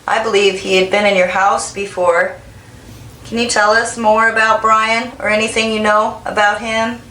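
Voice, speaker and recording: Even-toned woman questioning in an echoey room. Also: mid-range voice, normal speed. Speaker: spirit box medium asking questions. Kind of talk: slow questioning in a spirit session. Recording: echoey room, faint background noise.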